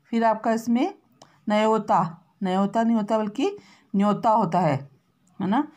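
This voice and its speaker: Woman teacher spelling words out slowly. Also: medium pitch, a little mellow. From Uttarakhand, India. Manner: slow, drawn-out spelling out of words; constant tag questions to pupils. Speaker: primary school teacher. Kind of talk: spelling lesson for children.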